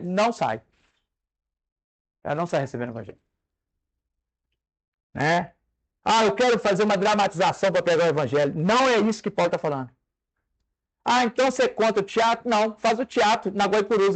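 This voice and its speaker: Man, Brazilian accent, preacher, sermon, high-pitched, wide-ranging, animated. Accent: Brazilian Portuguese. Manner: animated, conversational, demonstrates stage tricks with humor.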